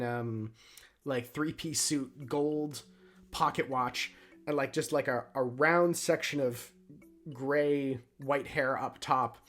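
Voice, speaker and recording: A man running a tabletop game as dungeon master, narrating casually with lots of fillers. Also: fairly high pitch.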